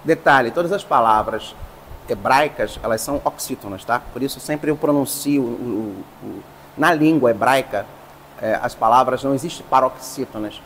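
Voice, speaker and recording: Priest lecturing in an echoing hall. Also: male voice, mid-range voice, a bit bright, slight background noise. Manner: explains slowly, stressing terms. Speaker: priest teaching a class.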